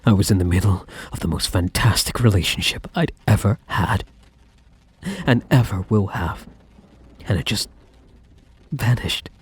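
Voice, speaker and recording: A man playing a possessive, lovesick ex-boyfriend in an ASMR role-play, speaking intensely and defensively to the listener with dramatic pauses. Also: deep voice, husky. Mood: hurt, bitter. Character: possessive, obsessive ex-boyfriend, self-justifying and lovesick.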